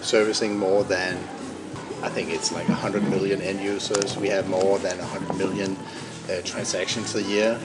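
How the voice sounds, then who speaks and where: A Danish company founder and CEO, guesting on a business podcast, answers interview questions in a Danish accent, explaining steadily while often restarting phrases. His deep, level voice moves at a moderate pace, with loud music behind it in a noisy room.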